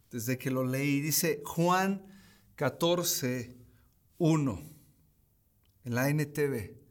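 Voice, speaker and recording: High-voiced, slow emphatic male preacher. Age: 30s. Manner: emphatic, repeats key phrases. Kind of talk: streamed sermon.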